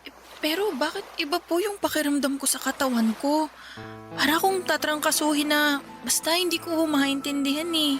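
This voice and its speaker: In a Tagalog radio drama, a woman plays a sick, weary young office worker who confides in others, sounding weary and puzzled. Her voice is high and a bit bright at normal speed. Faint music and some noise sit behind her.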